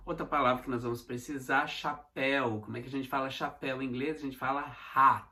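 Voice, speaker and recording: A man with a Mineiro Brazilian accent gives an online English lesson. His voice is bright and sits at a middle pitch. He drills each new word several times, checking in with short "tá?" asides. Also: fairly even intonation. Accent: Mineiro Brazilian Portuguese. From Minas Gerais, Brazil. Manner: slow, repeated pronunciation drills with frequent "tá?" check-ins. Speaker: English teacher.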